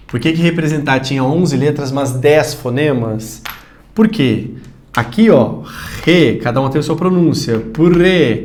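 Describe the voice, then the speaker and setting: A man with a Brazilian Portuguese accent teaching a recorded video lesson, talking straight to the viewer and loudly calling out example words. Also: medium pitch. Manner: animated, addresses viewer directly, shouts example words.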